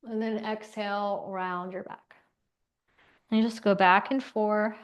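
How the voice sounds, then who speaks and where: A woman instructor leading an online class through gentle movement and breathing, with soft, calm cues. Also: mid-range voice, measured pace. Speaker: exercise instructor.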